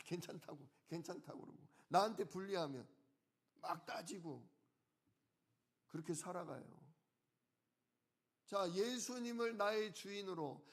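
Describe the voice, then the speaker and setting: A male pastor preaching a sermon, who asks the congregation questions and answers them himself, and slows down to stress key words. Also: sits high.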